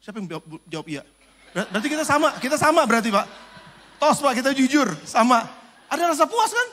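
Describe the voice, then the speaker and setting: A man preaching as a pastor, animated and joking, swinging between loud preaching and quiet asides. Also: very high voice, fast, a little hiss or hum. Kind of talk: sermon. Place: large church hall. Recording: reverberant church hall.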